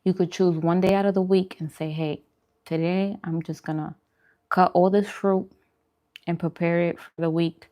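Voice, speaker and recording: Here a woman talks at a moderate pace in a mellow, lowish voice with fairly even intonation. She's a vegan vlogger doing a mukbang, casually chatting with livestream viewers and answering them. She delivers opinionated food advice emphatically, repeating phrases for effect.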